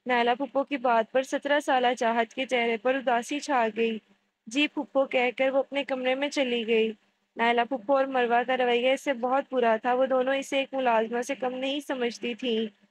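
A woman narrating a romance novel aloud in a steady storytelling manner. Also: high voice, slight background noise, rough recording. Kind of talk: romance novel audiobook reading.

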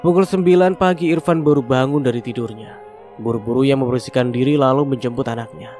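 A man narrating a scripted story with steady, even delivery. His voice sits at an ordinary middle pitch, and soft music plays faintly behind him. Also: fast talker.

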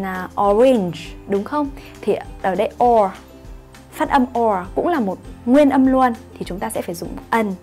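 A fairly high-voiced woman teacher walks through an English grammar point in an online lesson. She explains patiently and keeps checking in with her students. Soft music plays behind her. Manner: explains patiently, asks "right?" to check understanding.

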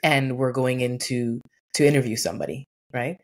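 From a room at home with a painting behind her, a workplace consultant in her forties guests on a video call. She speaks at normal speed in a rumbling low voice, telling earnest, animated stories and dramatizing the quotes.

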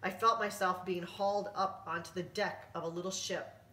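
Gentle woman reading aloud, roomy sound. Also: lowish voice, fairly even intonation, moderate pace. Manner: gentle, coaxing, chatty with the dog. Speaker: volunteer reading to children with a therapy dog. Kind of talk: reading a picture book aloud. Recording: roomy room, distant mic.

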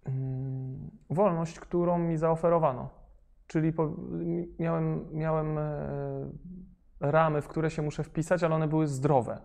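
A young man, a rapper, talking casually in an interview, hesitant with many fillers and restarts but lively when he gets going. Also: fairly high pitch, unhurried, gravelly. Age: young adult.

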